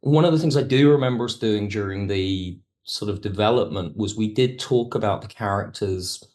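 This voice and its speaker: An audio drama writer appears as a guest on a reflective podcast interview. His voice sits on the low side with a slightly mellow quality, and he talks at a normal speed. As he explains, he keeps circling back and rephrasing his points.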